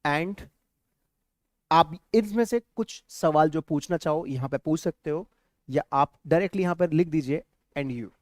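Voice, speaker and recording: A man with an Indian accent teaches spoken English on a live stream, repeating each example phrase slowly and at length. His voice sits a little high for a man. The sound is close and dry, with no room echo. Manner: mixes Hindi and English, repeats example phrases, reads out viewer comments.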